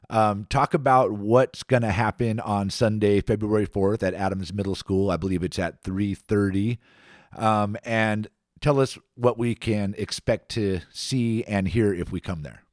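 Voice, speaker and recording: A man hosting a community radio interview, relaxed and conversational with frequent fillers. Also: fairly low pitch, no echo, studio quality. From Antioch area, Contra Costa County. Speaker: radio show host.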